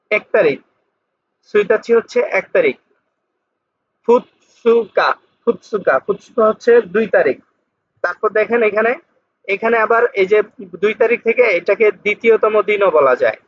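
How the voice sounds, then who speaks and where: High-voiced man teaching vocabulary. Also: a bit bright, a little hiss or hum. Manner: patient, repeats each word slowly and drills pronunciation. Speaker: Japanese language teacher. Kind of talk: vocabulary lesson explanation. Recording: dull lo-fi sound.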